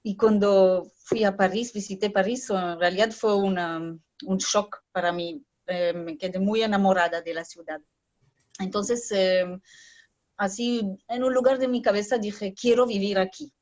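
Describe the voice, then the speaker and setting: A woman orchestra conductor in her forties, from Brazil, Israel and Argentina, speaks in a halting, thoughtful way, with slips of French. Her pitch is ordinary. The sound is dull and lo-fi, like remote call audio. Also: steady tone, darkish tone. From born in Brazil, raised in Israel and Argentina. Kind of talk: remote interview.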